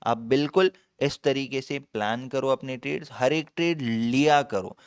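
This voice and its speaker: A man's voice: mid-range voice, moderate pace, clean tone, no echo, studio quality. A young man giving live trading commentary as a channel host, talking in an emphatic, repetitive way and calling the viewer brother. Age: young adult.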